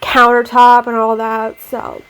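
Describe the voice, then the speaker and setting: Slow and monotone, with a slightly high, fairly bright voice, a young woman nasal from a cold chats about her game build. Her talk rambles casually and is peppered with "like," over faint background music.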